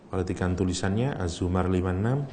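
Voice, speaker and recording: A middle-aged man with a light tinge gives an animated religious lesson, his pitch jumping up when he acts out cries of grief. He teases his listeners, laughs easily and quizzes them, while a faint hum of room noise sits behind him. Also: fast talker. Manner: teasing and animated, acts out Arabic cries with sudden high voice; laughs often, asks the audience questions. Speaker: Islamic teacher. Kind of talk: lecture on Quranic language.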